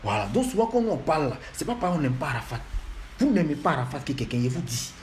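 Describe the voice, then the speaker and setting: A man's voice: fairly high pitch, sing-song, quick pace, a little hiss or hum. A man, lecturing and scolding fans in a repetitive, emphatic monologue. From Ivory Coast.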